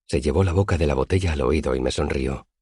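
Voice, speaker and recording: A man narrates an audiobook in a measured storytelling manner. His voice is deep and husky. The recording is dry and close. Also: a little mellow, dry recording.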